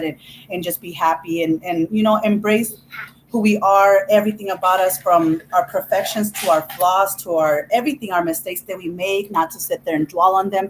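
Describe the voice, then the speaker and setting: A woman's voice: fairly low pitch, poor audio. Woman, vlogger, casual chat, rambling and effusive, faint background hiss. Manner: rambling and effusive, with frequent restarts.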